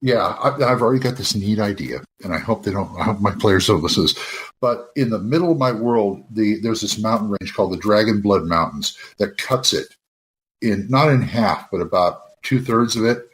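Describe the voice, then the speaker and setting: A man's voice: on the low side, expressive, moderate pace, fairly bright tone. A man of about sixty hosting a casual gaming podcast. He rambles and often restarts his sentences. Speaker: podcast host. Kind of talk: casual chat.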